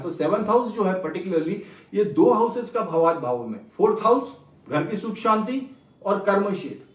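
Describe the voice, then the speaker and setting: A middle-aged astrologer explains his subject, slipping phrases into his Hindi and repeating each point. His voice sits fairly high and sounds set back from the mic in a roomy space. The recording is slightly dull. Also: recorded from a distance. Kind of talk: explanatory lecture.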